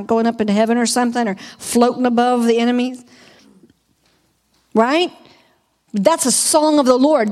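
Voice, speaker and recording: With a slightly high voice and a long reverb tail trailing her words, a woman preaches a sermon. She first reads from scripture and then animatedly urges on her listeners.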